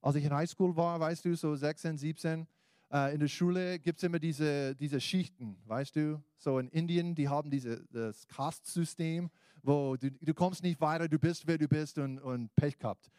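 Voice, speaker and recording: American-accented man preaching, slightly high voice. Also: normal speed, a little mellow, smooth, no echo. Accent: American accent in German. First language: English. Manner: exhorting, addresses listeners directly, colloquial. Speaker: preacher, pastor. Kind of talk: evangelical sermon, informal and conversational.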